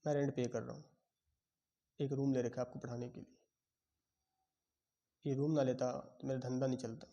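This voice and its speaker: Mellow-voiced male commerce teacher. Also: mid-range voice, flat delivery, moderate pace, long pauses, dull audio. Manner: quizzing students, voicing their replies in Hinglish. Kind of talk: classroom lecture.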